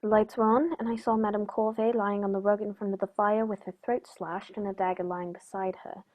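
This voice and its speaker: A woman plays a composed gentleman detective in a radio play, speaking at a middle pitch with precise, dryly polite, measured care. Her delivery is flat and lightly acted, with a mood of measured recounting. The recording sounds muffled.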